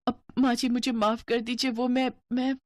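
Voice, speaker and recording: A woman's voice: fairly high pitch, little pitch movement, normal speed, noisy background, voice pushed up, close to an everyday voice. A woman doing a timid, stammering young bride. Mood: frightened. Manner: pleading, nervous and stammering. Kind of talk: cartoon story voice acting.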